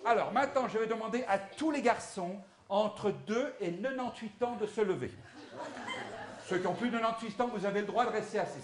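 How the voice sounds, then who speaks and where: A man performing as a clown talks in a high voice that leaps up and down as he leads an outdoor show. He playfully coaxes his audience into chanting with him. A faint crowd murmurs in the background. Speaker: children's gospel clown performer.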